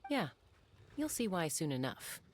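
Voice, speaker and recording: Cool, low-voiced young investigator. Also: female voice, very animated, unhurried, slight background noise. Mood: questioning. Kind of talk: scripted game character acting.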